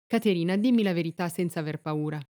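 A man's voice: high-pitched, quick pace, mellow, dry recording, clean studio sound, lightly acted. A woman voicing a poor, earnest peasant man who protects his sister, stammering when upset, in a read-aloud story.

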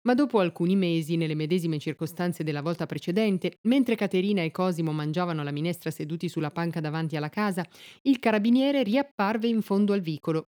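A woman reading a story aloud in a measured, even narrating voice. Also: fairly low pitch, no room sound, studio quality.

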